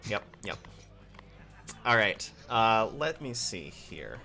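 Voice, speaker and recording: A man narrating as game master of a tabletop game, relaxed and hesitant with many fillers. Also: on the low side, slow, soft background music.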